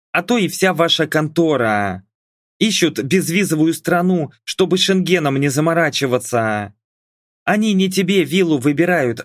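A man's voice: a little high, no echo, clean studio sound, voice pushed up. A man doing a sarcastic young woman. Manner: sarcastic, reasoning and dismissive. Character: young adult daughter, dry and sarcastic.

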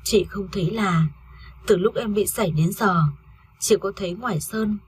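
A woman's voice: mid-range voice, normal speed, slight background noise, natural voice. A woman reading a story aloud, voicing a grieving young wife who has lost her baby, in a tearful, pleading way. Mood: bitter.

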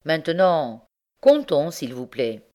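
A woman voicing an indignant, hot-tempered young husband in an audiobook, her voice rising high when outraged. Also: sing-song, slow pace, darkish tone, exaggerated voice. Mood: ironic. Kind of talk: audiobook character reading.

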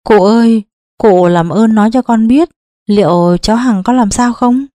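A woman's voice: a little high, moderate pace, warm tone, no echo, studio quality, lightly acted. A woman reading an audiobook, voicing an anguished, loving middle-aged father who speaks tenderly and pleadingly.

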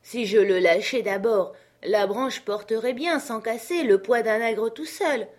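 A woman voicing an excitable old male servant who is fearful and chatty, speaking with loud exclamations and pleading. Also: on the high side, unhurried, voice pushed up.

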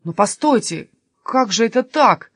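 A woman's voice: lowish voice, fairly quick, a bit bright, no echo. A woman voicing a gloomy, easily worried male robber who complains. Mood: glum. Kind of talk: storybook reading.

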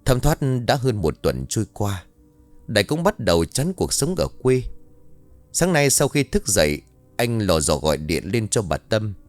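A man narrating a ghost story in an expressive, scripted storytelling manner. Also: on the low side, moderate pace, no echo.

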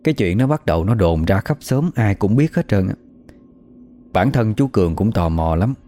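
A man's voice: fairly low pitch, expressive, normal speed, dark tone. A man with a Southern Vietnamese accent telling a spooky folk story in a chatty, gossipy way. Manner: conversational, gossipy retelling.

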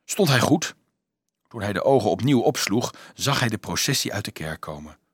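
A male audiobook narrator with a mid-pitched, slightly husky voice, reading in a dramatic and expressive way. His pitch rises and falls a lot with the tension of the story, and the close recording is dry, with no room echo. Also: normal speed. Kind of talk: scripted narration.

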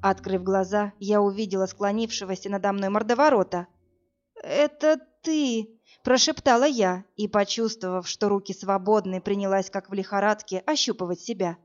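A woman's voice: mid-range voice, steady tone, a little fast, few pauses, muffled recording. A woman narrating a first-person audiobook in a tense storytelling manner.

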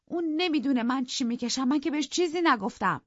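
A man voicing an anxious, defensive young woman in a high, strained voice in an audiobook. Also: expressive, fairly bright tone, no echo, full character voice. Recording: dry, dull lo-fi recording.

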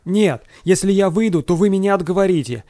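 An impulsive young pilot, talking fast and pleading with his captain, as a male narrator puts him on. The voice sits a touch high and is recorded close and dry. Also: expressive, dark tone, dry recording.

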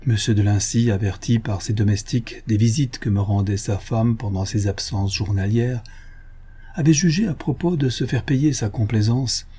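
A man narrating a novel in the first person in a measured, even reading. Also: mid-range voice, slightly rough. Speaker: audiobook narrator.

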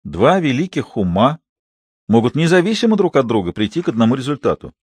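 A man voicing a calm, witty young man who answers with unruffled irony. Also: medium pitch, a little fast, slightly rough, dry recording. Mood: composed. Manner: unruffled, dry ironic. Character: calm witty young male lawyer-actor.

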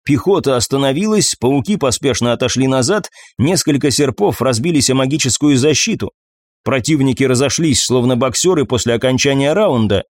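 Guy reading an audiobook, steady measured narration, mid voice. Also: medium pitch, dry recording. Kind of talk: scripted narration.

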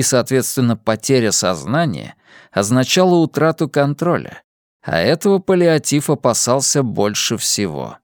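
A man narrating a science fiction audiobook in an unhurried, dramatic reading style. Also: mid-range voice, no room sound, studio quality.

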